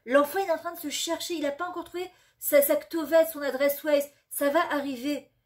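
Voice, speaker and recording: A middle-aged woman giving a storytelling talk on parenting and faith, lively and sprinkled with Hebrew words, acting out the people she quotes. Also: high-pitched, brisk.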